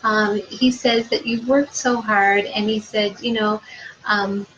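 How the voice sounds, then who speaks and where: A woman working as a psychic medium, giving spirit readings on a live stream in a soft, unhurried way with many filler ums. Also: mid-range voice, fairly even intonation, muffled recording, slight background noise. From Prince Edward Island, Canada.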